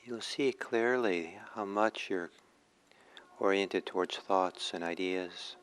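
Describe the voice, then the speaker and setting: Low, very slow man guiding meditation. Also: smooth, low-quality recording. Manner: slow, hushed pauses between short phrases. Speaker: meditation teacher. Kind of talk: guided meditation.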